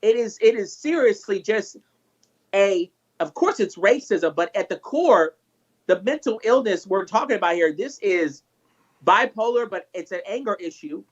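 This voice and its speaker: A man's voice: high voice, expressive, moderate pace. A man co-hosting a casual livestream, blunt and ranting, swearing freely. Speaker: co-host. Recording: dull lo-fi audio.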